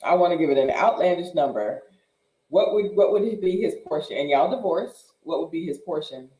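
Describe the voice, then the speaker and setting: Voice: medium pitch, animated, brisk, mellow, reverberant, low-quality recording. A host leading a casual group conversation by posing long hypothetical questions to the guests. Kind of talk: casual chat, hosting a panel.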